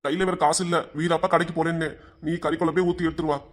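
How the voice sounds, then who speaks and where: Woman voicing a stubborn hard-of-hearing old grandfather, cartoon comedy, southern Tamil Nadu accent, gruff, very rapid delivery. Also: low voice, level tone, voice pushed down. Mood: scared.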